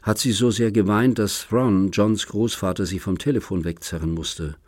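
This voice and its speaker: A man's voice: fairly low pitch, normal speed, darkish tone, dry recording, clean studio sound, close to an everyday voice. A man reading an audiobook, voicing a bitter young woman in a hospital bed who accuses and mocks in a biting, sarcastic way. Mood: hurt. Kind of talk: audiobook character voice.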